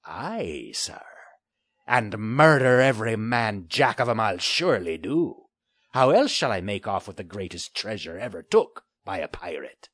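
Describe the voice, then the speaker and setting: For a storybook reading, a man gives a full character voice to a bulky, scheming male pirate, sneering and growling in an old-style pirate dialect with a wheedling mood. His unhurried delivery is sing-song and fairly bright, leaping between high mocking lilts and low growls. The recording is dry and studio quality.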